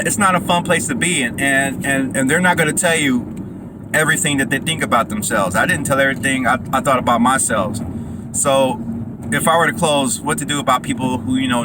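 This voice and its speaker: Man vlogging on a run, loud street noise. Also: medium pitch. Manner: talking while out running, in loose broken phrases. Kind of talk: casual motivational monologue to camera. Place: outdoors by a road.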